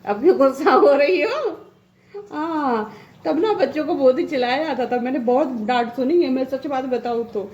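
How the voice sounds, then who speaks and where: A woman's voice: high voice, mellow, dull audio. A woman in her thirties, a mother chatting casually while doing housework, rambling and laughing often. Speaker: vlogger and mother. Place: home bathroom. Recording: echoey room with faint ambience.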